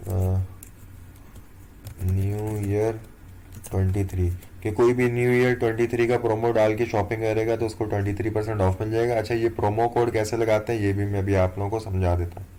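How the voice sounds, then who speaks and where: Young guy w/ doing a screen tutorial, low dark voice, keeps saying theek hai, bit of hiss. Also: fairly quick. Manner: relaxed, step-by-step, keeps checking in with "theek hai". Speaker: course instructor. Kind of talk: screen-recorded tutorial walkthrough.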